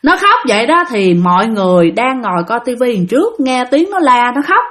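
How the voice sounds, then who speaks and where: A woman's voice: on the high side, a little fast. A woman with a Southern Vietnamese accent, chatting to her listeners as she retells ghost stories sent in by them. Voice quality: lively, dramatic retelling with chatty asides to listeners. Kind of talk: casual spoken storytelling.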